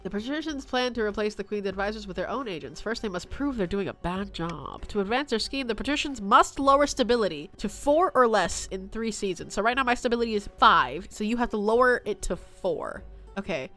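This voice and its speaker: Giggly, lively young woman streamer. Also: medium pitch, fairly quick, faint music behind. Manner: giggly, excitable, swears freely. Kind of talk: game livestream with read-aloud narration.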